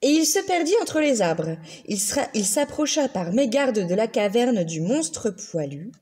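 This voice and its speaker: A woman reading a children's picture book aloud, slow and very expressive. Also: on the high side, husky. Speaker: children's story reader.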